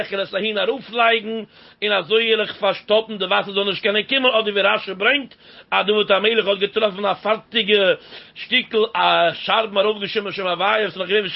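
A man giving a religious lesson on scripture, lively, often rising sharply in pitch. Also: gravelly. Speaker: religious teacher. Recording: dull lo-fi recording.

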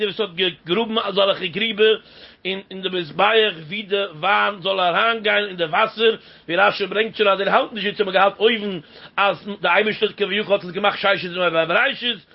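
High-voiced man teaching, dull lo-fi sound. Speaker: religious teacher. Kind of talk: religious lesson on scripture. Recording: dull lo-fi recording.

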